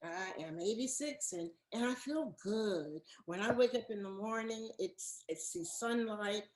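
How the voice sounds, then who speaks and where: A woman's voice: mid-range voice, unhurried, a little mellow. Heartfelt woman in her eighties, echoey room. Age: 80s. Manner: earnest and heartfelt, repeating words for emphasis. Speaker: interview guest. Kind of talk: casual interview chat.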